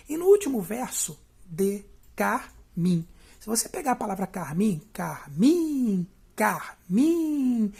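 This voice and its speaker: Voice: medium pitch, gravelly, a little mellow, husky. A teacher with a Brazilian Portuguese accent giving a step-by-step video lesson, often checking in with the listener.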